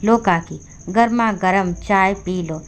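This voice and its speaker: A woman's voice: mid-range voice, takes it slowly, clean tone. Woman doing a kind young neighbor. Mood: kindly.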